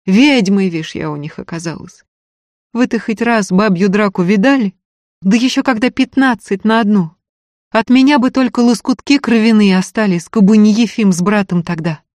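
A woman's voice: mid-range voice, normal speed, darkish tone, dry recording, pitched above the performer's own voice, natural voice. A woman voicing a tearful, self-blaming young peasant woman who talks in plaintive, folksy village speech. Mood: sad, pleading.

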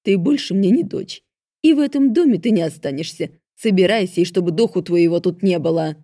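Lady doing a stout mean stepmother, yelling commands, dark dry voice. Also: medium pitch, big pitch swings, measured pace, creaky, breathy edge, no echo, exaggerated voice. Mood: enraged. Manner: harsh, barking orders. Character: cruel stepmother, stout middle-aged woman, domineering.

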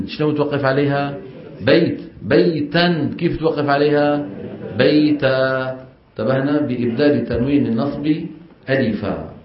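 A man with a Levantine Arabic accent teaching a class on Quran recitation. He keeps asking the class questions and has them repeat after him. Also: mid-range voice. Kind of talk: classroom lecture. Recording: echoey, dull lo-fi classroom recording.

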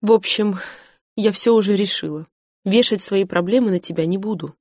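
A woman's voice: mid-range voice, normal speed, a little mellow, no echo, studio quality, lightly acted. A woman reading an audiobook, voicing a young woman in love who is tearful and stubborn, speaking emotionally and pleading. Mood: upset, pleading. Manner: emotional, pleading, rising to outbursts.

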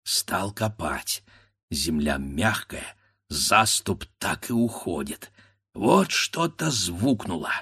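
Slow, expressive male storyteller. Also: low voice, slightly rough, no echo, studio quality. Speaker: narrator. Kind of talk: storybook reading.

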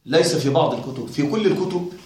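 A man's voice: fairly high pitch, animated, quick pace, darkish tone. A male teacher giving a classroom lecture on a grammar text, questioning and wryly puzzled as he talks straight to his students. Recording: very echoey room.

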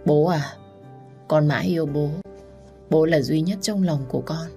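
A woman's voice: sits low, moderate pace, mellow, soft background music. A woman reading as a hurt young daughter, asking tearful, pleading questions in a storybook reading. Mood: tender.

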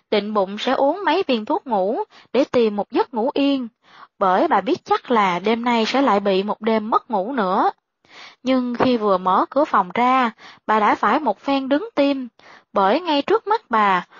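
A woman's voice: fairly high pitch, lively intonation, unhurried, dry recording. Woman narrating a horror tale. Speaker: storyteller. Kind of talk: spoken horror story narration. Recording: dry, dull lo-fi sound.

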